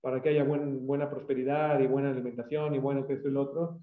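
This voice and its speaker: A man's voice: mid-range voice, quick pace, roomy sound, phone-quality sound. A man with a Mexican Spanish accent, preaching a sermon and telling stories as a pastor and teacher, acting out the voices of the people in them. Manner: animated, acts out quoted voices. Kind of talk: sermon with storytelling.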